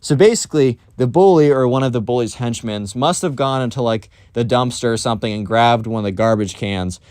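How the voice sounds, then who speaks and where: A man's voice: medium pitch, a little fast, a little mellow, clean tone, no room sound, studio quality. A man telling a story on his vlog in a casual, rambling way, full of fillers. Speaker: storytime YouTuber.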